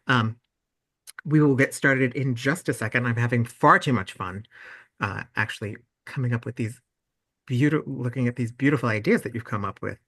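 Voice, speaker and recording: A young man leads an online meeting over a video call, bubbly and gushing. His voice sits at a middle pitch. He talks in a casual, chatty way. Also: a bit bright. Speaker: webinar host for volunteers and parents.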